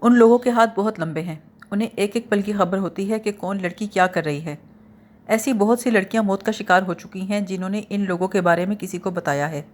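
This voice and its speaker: A woman's voice: medium pitch, natural voice. A woman voicing a weary young woman sick of her life, speaking in a sad, confiding way.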